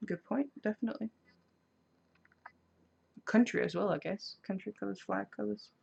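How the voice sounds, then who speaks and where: A woman's voice: mid-range voice, moderate pace, gravelly, a little mellow, husky. A woman, chatting casually on a craft live stream and answering viewer comments. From Denmark. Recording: slightly dull lo-fi sound.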